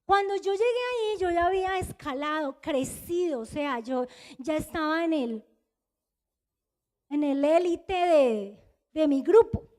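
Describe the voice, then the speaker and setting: A woman's voice: lively intonation, a little slow, darkish tone. A woman pastor with a Colombian Spanish accent, preaching a confessional sermon and acting out remembered dialogue. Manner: confessional storytelling, acting out dialogue, pitch swings high.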